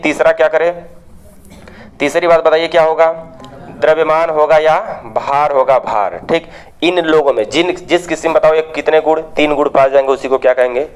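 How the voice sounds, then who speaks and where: Call-and-response chemistry teacher. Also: male voice. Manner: call-and-response questioning, drops low to answer himself. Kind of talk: classroom lecture.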